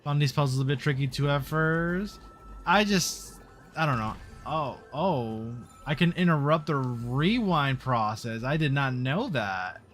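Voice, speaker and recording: A young man streaming a game, speaking slowly and casually as he works through puzzles. He mutters and talks himself along in a relaxed way. Soft game music plays behind him. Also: mid-range voice. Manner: laid-back, muttering, thinking aloud. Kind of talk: casual gameplay commentary.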